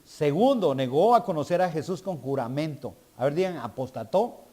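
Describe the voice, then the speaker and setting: A man's voice: a little high, lively intonation, normal speed, a little mellow. A male guest preacher delivering a sermon, calling for responses from the congregation and building to emphatic preaching.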